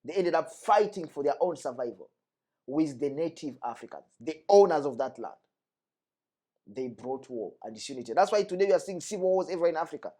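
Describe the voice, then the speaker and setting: A young man from the Democratic Republic of Congo, there as a guest, speaks earnestly and forcefully while repeating his key ideas. His delivery is a little fast, in a slightly high, warm voice with lively intonation.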